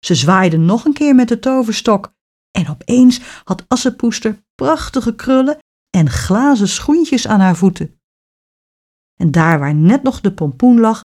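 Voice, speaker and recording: An expressive woman narrating a children's fairy tale at a steady, middle pitch. Her reading is clear and lively, in the manner of a storybook read aloud.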